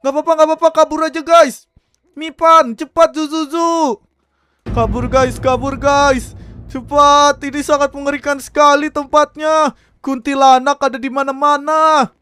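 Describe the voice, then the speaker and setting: High-voiced guy panicking through a roblox-style story, bright and close, talks to viewers a lot. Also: moderate pace, dry recording. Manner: excitable, keeps addressing viewers as guys. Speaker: game video narrator. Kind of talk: panicky role-play game narration.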